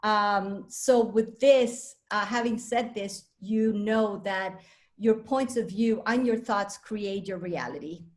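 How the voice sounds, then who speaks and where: A woman's voice: medium pitch, slow. A woman in her fifties from Venezuela, a coach giving a chatty, self-assured talk to a live audience. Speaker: speaker and coach.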